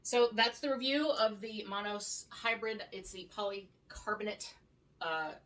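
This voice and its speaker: A woman's voice: medium pitch, measured pace, fairly bright tone. A woman vlogger from the United States giving a casual, rambling luggage review at home, often restarting her sentences. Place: home room. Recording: distant mic, faint noise.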